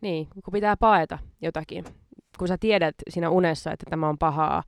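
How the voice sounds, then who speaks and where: A woman's voice: low voice, dry recording, studio quality. A woman hosting a podcast in casual chat, self-mocking and laughing often between her words. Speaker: podcast host.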